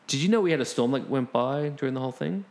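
A man's voice: medium pitch, expressive, quick pace, darkish tone. A man co-hosting a podcast in casual chat, joking, with stammering restarts, in a small makeshift home studio. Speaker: podcast co-host.

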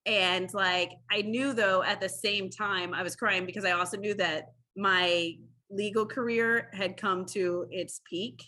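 A woman in her thirties tells her story in a casual interview, acting out the people in it with lively quoted voices. Her tone is bright and a little husky, and she peppers her talk with "like.". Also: medium pitch, a little slow, few pauses. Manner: animated storyteller, acts out quotes, many "like"s. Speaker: interview guest, former defense attorney.

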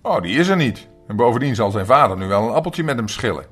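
A man's voice: medium pitch, sing-song, fast talker, faint music behind, voice pushed up. A grandfather doing a sensible village boy. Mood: reasoning.

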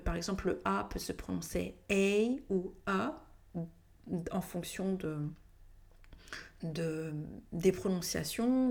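A woman teacher talks through a pronunciation tip at an unhurried pace. Her voice carries a gravelly edge. She thinks aloud, stopping and restarting her sentences as she goes. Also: mid-range voice, dark tone. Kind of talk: casual spoken tutorial.

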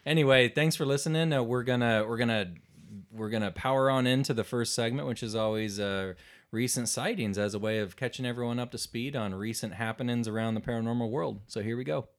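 A man's voice: mid-range voice, fairly quick. A man with an American accent and a mid-range voice co-hosts a podcast. His delivery is informal and conversational, like talk between friends. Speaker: podcast co-host. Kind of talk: casual chat.

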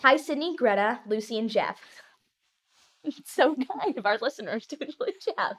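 A woman's voice: on the high side, animated, normal speed, a bit bright, husky. A young woman co-hosting a podcast in casual comedic chat, teasing and laughing as she reads a letter aloud. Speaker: podcast co-host.

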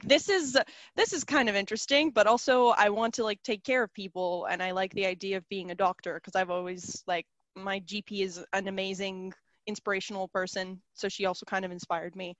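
Here the same kind of speaker, a young Serbian-speaking woman from South Africa, talks casually as a guest in an interview, filling her speech with "um" and "like." Her medium-pitched voice is fairly quick and slightly bright, recorded with no room sound.

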